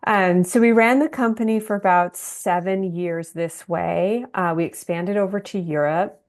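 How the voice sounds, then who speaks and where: Woman presenting a webinar in a lowish voice. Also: unhurried. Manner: conversational, calls for the next slide. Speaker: business founder presenting.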